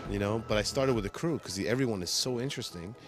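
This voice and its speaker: A man's voice: fairly low pitch, fast, soft background music. A man, an actor, talking enthusiastically and effusively in a casual interview.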